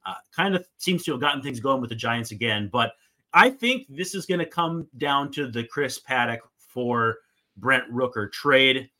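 A man's voice: mid-range voice, animated, normal speed, sharp tone. A man giving casual, discursive sports analysis with emphatic points. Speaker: baseball analyst and podcast co-host.

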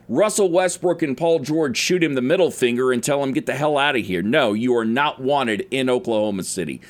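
A man talks through his solo sports podcast in a loose, rambling way, now and then tripping over a word and starting again. His voice sits a little on the high side for a man. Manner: casual, rambling, admits stumbling over words. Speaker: podcast host.

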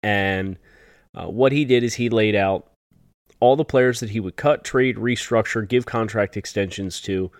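A man's voice: lowish voice, measured pace, no room sound, clean studio sound. A man hosting a sports podcast, talking through analysis and answers to listener questions in a conversational way. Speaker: podcast host.

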